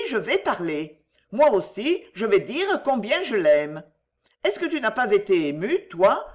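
Brief: woman voicing a vehement young storybook heroine, lively high pitch, pleading. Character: passionate young woman defying an arranged marriage.

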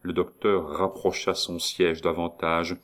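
A man narrating a novel aloud in a measured, even storytelling manner. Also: deep voice. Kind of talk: audiobook novel reading.

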